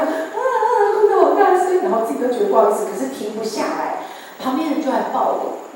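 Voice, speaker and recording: A woman with a Taiwanese Mandarin accent tells her testimony with lively storytelling and keeps asking the congregation questions. Her fairly high voice rings through a big church hall. The mic is some distance away, so it sounds roomy and faintly noisy. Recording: echoey church hall from far off.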